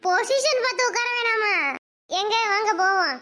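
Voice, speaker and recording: A woman voicing a bossy, sharp-tongued village wife in a cartoon, with a Madurai Tamil accent and a shrill, pushed-up voice. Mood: nagging. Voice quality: shrill, pitched way up. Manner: nagging, quick comebacks. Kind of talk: cartoon voice acting.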